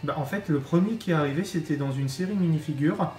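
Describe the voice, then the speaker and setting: A man with a fairly high voice talks casually as a toy review co-host. His explanations come haltingly. The room is echoey, and some music plays behind him. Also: a little mellow. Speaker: co-host presenting toy figures. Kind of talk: casual chat, product review.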